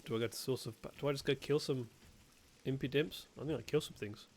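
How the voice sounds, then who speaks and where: A man's voice: mid-range voice, fast talker, slight background noise. A man, a gaming streamer, chatting playfully and sarcastically while he plays a strategy game. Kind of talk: let's-play commentary. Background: faint game music.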